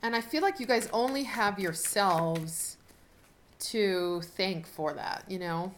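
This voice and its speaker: A woman giving a casual, unscripted tarot reading as host, talking in a chatty, halting way as she thinks aloud. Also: mid-range voice. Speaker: tarot card reader hosting a video reading. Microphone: camera set up in front of the speaker. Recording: noticeable background noise with clicks.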